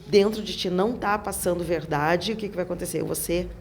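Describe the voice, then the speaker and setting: A middle-aged woman with a southern Brazilian accent, a speech therapist speaking as an interview guest, emphatic and animated, acting out the phrases she quotes. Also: fairly low pitch, a little fast. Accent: southern Brazilian Portuguese.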